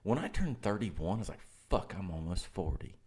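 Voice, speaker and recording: A man's voice: sits low, sing-song, moderate pace, a crowd in the background. A man, co-hosting a podcast in loose, profane banter and laughing often. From Oklahoma. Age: 30s. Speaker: podcast co-host.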